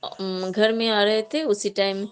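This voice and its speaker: A woman speaks in a mid-pitched voice, giving a devotional testimony to her guru. She talks hesitantly, with many fillers and restarts, and sounds earnest and thankful throughout. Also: flat delivery, takes it slowly, clear, resonant tone.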